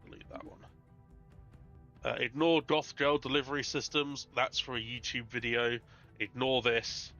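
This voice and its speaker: A man's voice: medium pitch, flat delivery, moderate pace, sharp tone, muffled recording, faint music behind. A British man with a congested, tissue-plugged nose, chatting casually and self-deprecatingly as he hosts a live game stream. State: congested with a bad cold, tissue stuffed up his nose. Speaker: streamer, host.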